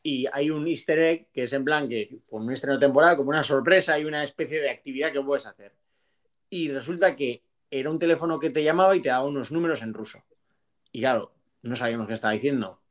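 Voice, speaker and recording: A man hosts a relaxed podcast conversation at an ordinary pitch. He tells stories and laughs often. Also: quick pace, dull audio. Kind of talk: casual podcast chat.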